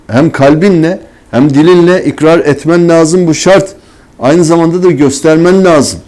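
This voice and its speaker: A man's voice: on the high side, normal speed, a little mellow. A man giving a sermon-style religious talk who asks rhetorical questions and answers them himself, often in a scolding, mocking tone. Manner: scolding, mocking tone toward hypocrites. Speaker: religious teacher.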